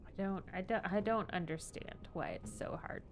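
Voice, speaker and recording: A woman's voice: lowish voice, normal speed, slight background noise. A woman hosting a game playthrough with casual, wry, slangy commentary.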